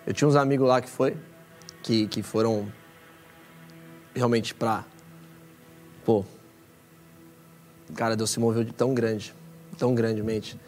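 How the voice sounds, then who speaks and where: A young man from Brazil with a Brazilian Portuguese accent, preaching and telling a story in a casual, slangy way with excited rising bursts. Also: mid-range voice, a little slow, pauses often, soft background music. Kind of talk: sermon storytelling. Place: church hall.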